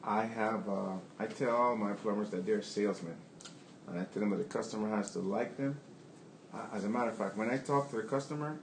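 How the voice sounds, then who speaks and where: Brief: candid male business owner, rambling restarts, deep-ish, faint room noise. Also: darkish tone, roomy sound, low-quality recording. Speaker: plumbing business owner on a panel. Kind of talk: answering audience questions.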